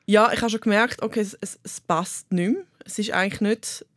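Fast-talking Swiss German woman. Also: mid-range voice, fairly even intonation, dry recording, clean studio sound. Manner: candid, halting, many restarts. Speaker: interview guest. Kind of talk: personal interview talk.

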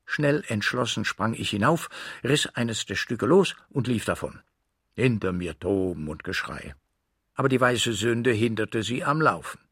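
A man reading a literary story aloud, with an expressive, dramatic delivery that shifts in intensity. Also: on the low side, a little slow, husky, no room sound, studio quality. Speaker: audiobook reader.

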